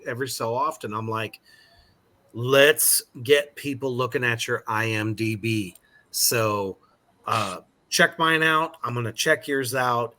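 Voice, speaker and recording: Slow-talking man with a bright voice. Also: medium pitch. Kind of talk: casual chat.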